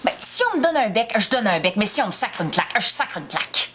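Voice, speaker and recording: A woman's voice: mid-range voice, sing-song, fast talker, background noise, close to an everyday voice. An actress playing a headstrong, hot-tempered young activist woman with an emphatic, dramatic delivery in a TV sitcom. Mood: indignant, defiant. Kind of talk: TV sitcom acting.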